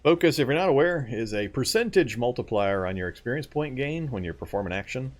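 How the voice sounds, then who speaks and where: A let's play streamer broadcasts a game live, thinking out loud as he loots, explaining the mechanics and laughing easily as he answers viewers. His mid-range voice is fairly quick with lively intonation.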